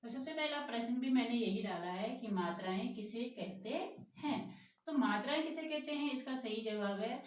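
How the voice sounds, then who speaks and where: A woman's voice: on the high side, roomy sound, distant mic. A woman teaching young children a grammar lesson, patiently asking questions and answering them herself. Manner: slow, patient, asks and answers her own questions. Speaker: primary school teacher.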